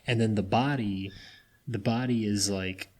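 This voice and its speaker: Low-voiced young man running a tabletop game. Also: fairly even intonation, a little mellow. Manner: casual, halting, full of likes. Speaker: game master.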